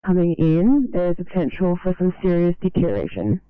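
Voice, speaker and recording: An emergency dispatcher on two-way radio, giving brisk, clipped call-sign updates to field crews. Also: mid-range voice, very animated, clean tone, no echo. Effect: two-way radio transmission. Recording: tinny band-limited radio, dry.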